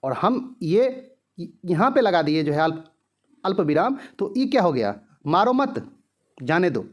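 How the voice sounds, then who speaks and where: A male teacher giving an exam-prep grammar lesson, leaning on filler phrases and answering his own rhetorical questions, repeating examples slowly. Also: sits high, very animated, a little mellow. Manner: heavy use of filler "jo hai", rhetorical questions answered himself.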